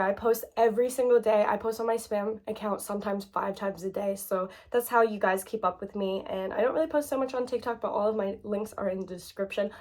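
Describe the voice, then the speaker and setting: A woman's voice: mid-range voice, a little mellow. A woman in her late twenties talking candidly to her viewers in a casual vlog, chatty and full of fillers, close to tears at times. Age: 20s. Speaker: YouTuber.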